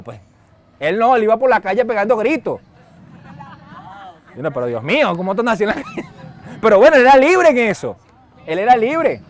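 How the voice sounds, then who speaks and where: A middle-aged male pastor with a Venezuelan Spanish accent, preaching a sermon in an animated storytelling manner. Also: sits high. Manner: storytelling, animated, shouts when acting out a scene.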